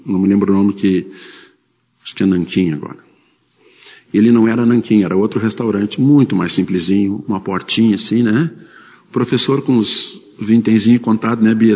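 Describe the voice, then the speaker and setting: A man's voice: lowish voice, gravelly, a little mellow, long reverb tail. A man preaching a sermon, telling a personal story in a conversational way with frequent tag questions.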